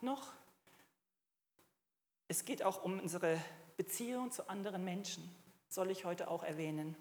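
A woman's voice: fairly low pitch, a little slow, darkish tone, big-room sound. A middle-aged woman preaching a sermon to a congregation, emphatic and at times rising to fervent exclamations. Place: church hall.

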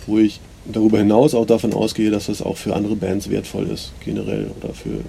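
Male podcast host, rambling and hesitant, mellow gravelly voice, low-quality recording. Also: brisk, a little hiss or hum. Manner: rambling, hesitant, many fillers. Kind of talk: casual reflective monologue.

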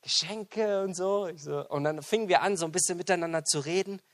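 Brief: male preacher, fairly high voice, animated storyteller, from loud to quiet. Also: fast. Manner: animated storyteller, acts out dialogue; loud swings in volume. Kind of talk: sermon with a personal story.

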